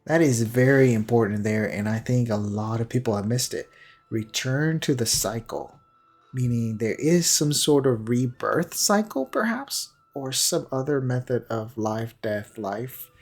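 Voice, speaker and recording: Faint music plays as a man offers unscripted, explanatory video game commentary, tentatively thinking aloud. He has a mid-range voice with lively intonation, a darkish tone, and an unhurried pace.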